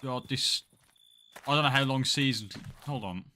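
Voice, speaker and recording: Bright-voiced man streaming casually. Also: mid-range voice, moderate pace, slight background noise. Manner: rambling, swears casually. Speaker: game streamer. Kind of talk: casual live-stream chat.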